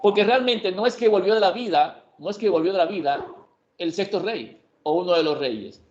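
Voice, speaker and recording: A man's voice: high-pitched, lively intonation, normal speed, a little mellow. A man teaching Bible prophecy in an emphatic way, often asking a question and then answering it himself. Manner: emphatic, asks and answers his own questions. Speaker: preacher. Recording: echoey room, dull lo-fi sound.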